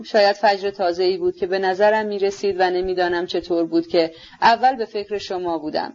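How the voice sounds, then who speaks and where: A woman reading a gentle, troubled young man. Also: mid-range voice, muffled recording, natural voice.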